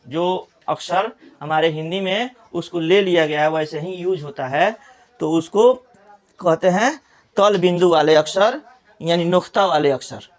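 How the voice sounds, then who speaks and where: A middle-aged man with a Bihari Hindi accent teaching pronunciation, saying example words slowly one at a time. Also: high voice. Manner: slow, deliberate, repeats example words one by one. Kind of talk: pronunciation lesson.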